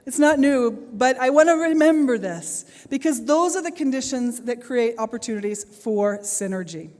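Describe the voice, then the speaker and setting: A woman's voice: high-pitched, animated, moderate pace, a little mellow. A woman giving a plenary talk to teachers at a conference, engaging the audience with questions and laughing often. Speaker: plenary speaker, teacher trainer. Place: large conference hall. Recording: hall reverb on the voice.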